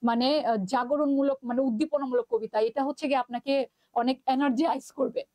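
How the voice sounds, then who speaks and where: Woman teacher with a Bangladeshi Bengali accent, high voice, dry close sound, chatty live-class delivery. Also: fairly even intonation, fairly quick, warm tone, no room sound. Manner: chatty, mixes English terms, reads out student comments.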